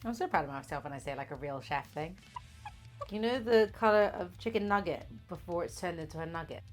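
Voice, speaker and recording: Tipsy, animated woman, swooping pitch. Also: fairly quick, faint music behind. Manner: tipsy, giggly, rambling; sweary, self-mocking, playfully crude. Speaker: host of a comedic baking video. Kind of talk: casual comic vlog chat.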